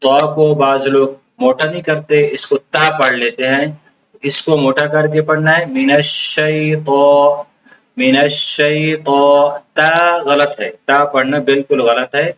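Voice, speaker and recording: A man's voice: a little high, steady tone, a bit bright. A man teaching the pronunciation of Quranic recitation, explaining patiently and drawing out words as he demonstrates them. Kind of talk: pronunciation lesson. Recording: dull lo-fi sound with faint background noise.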